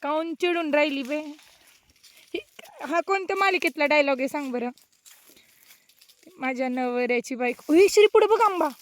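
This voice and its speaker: Young marathi girl vlogging on a farm, high voice, teasing and joking, outdoors. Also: normal speed, pauses often. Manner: playful teasing, mixes Hindi and English. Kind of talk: casual vlog chat.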